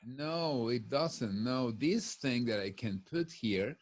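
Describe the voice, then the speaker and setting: Speaking slowly and expressively in a medium-pitched voice, a middle-aged man who is a native Spanish speaker guests on a casual podcast from his home office. He's talkative and keeps restarting his sentences, and he's using headphones on a video call.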